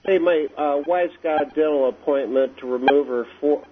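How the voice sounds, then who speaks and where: A man calling in to a radio show, speaking hesitantly with many pauses and fillers. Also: a little high, over music. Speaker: caller. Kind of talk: phone-in call. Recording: tinny phone line with faint noise.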